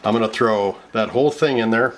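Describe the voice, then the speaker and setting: Walking viewers through a recipe step by step, this casual cooking show host is an American man in his fifties with a lowish voice and a slightly fast pace. He sounds explanatory and chatty. The indoor home kitchen setting comes through in clear background noise and clattering.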